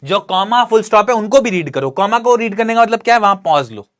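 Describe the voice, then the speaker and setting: Male teacher, exam prep lesson, lively pitch, talks students through questions. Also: fairly quick. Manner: animated, coaxing, asks and answers his own questions. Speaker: English teacher.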